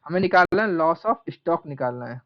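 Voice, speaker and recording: A man's voice: on the high side, lively intonation. Male teacher, classroom lecture; repeats and stretches key terms; dull recording. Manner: asks questions and answers them himself, repeats key terms; stretches out terms slowly while writing. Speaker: commerce teacher.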